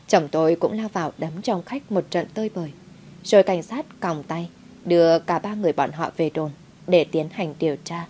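A woman's voice: sits low, warm tone. A woman narrating a first-person story in a dramatic, heated way. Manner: dramatic, heated when quoting herself.

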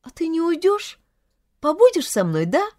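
A woman reading an audiobook, voicing a young woman who pleads tearfully and in a high voice. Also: very animated, normal speed, a little mellow, dry recording, clean studio sound. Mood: pleading. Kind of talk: audiobook character voice.

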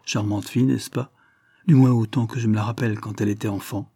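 A man reading the part of an older lord, mocking and secretive, speaking in a wry, measured way. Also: on the low side, steady tone, mellow, husky, no echo, clean studio sound.

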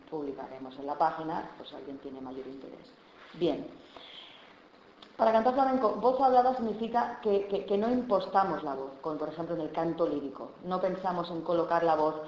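A woman with a Spanish accent, a flamenco singer giving a conference lecture on vocal technique, explaining in a lively way with frequent asides and tag questions. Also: sits low, a little fast, a little hiss or hum. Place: lecture hall. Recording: echoey lo-fi hall recording.

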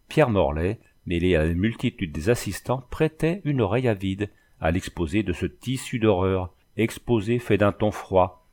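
A man reading a classic novel aloud as scripted narration, in a measured, even storytelling delivery. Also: fairly low pitch. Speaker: audiobook reader.

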